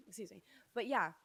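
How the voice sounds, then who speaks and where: A woman's voice: mid-range voice, a bit bright, husky. A young woman from Los Angeles, a musician guest chatting casually in an interview, with many fillers and restarts. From Los Angeles, USA.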